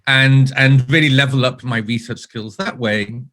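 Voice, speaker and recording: Here the same user researcher, an Israeli podcast guest with a British-sounding accent, talks casually in a remote interview, his mid-range voice a bit bright and moderately paced. He builds his arguments earnestly, one careful list at a time.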